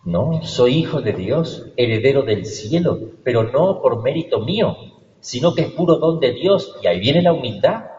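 A man's voice: mid-range voice, sing-song, darkish tone. Male priest, homily delivery, rhetorical questions; long church echo, distant mic. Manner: preaching with rhetorical questions and slow emphatic lists. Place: large church. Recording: echoey church hall, distant dull mic.

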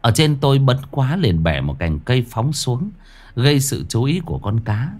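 A man telling a first-person ghost story in a lively, dramatic way. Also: medium pitch, normal speed. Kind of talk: scripted ghost story narration. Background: faint music.

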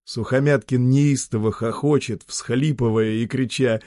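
A man narrating a literary story aloud in a steady, measured way. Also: mid-range voice, no room sound, studio quality. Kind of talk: audiobook literary reading.

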